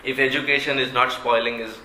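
A man with a South Indian accent telling an anecdote to an audience in an expressive, amused way with deliberate pauses. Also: mid-range voice. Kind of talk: animated storytelling talk. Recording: roomy echo, faint background noise.

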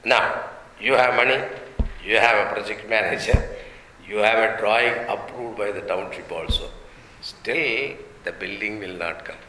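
A man's voice: on the low side, measured pace, pushed and bright. A man with an Indian accent gives a spiritual discourse as a swami, explaining through rhetorical questions and humorous examples. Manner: switches between English and Hindi. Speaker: swami giving a spiritual teaching. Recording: roomy echoing hall, faint background noise.

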